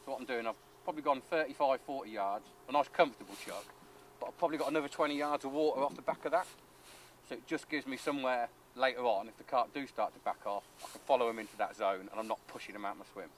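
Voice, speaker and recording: A man in his thirties, an angling coach, explaining his rig and bait step by step in a relaxed, practical way, recorded outdoors by a lake. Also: medium pitch, quick pace, slight background noise. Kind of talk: instructional fishing talk. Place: outdoors at a lakeside fishery.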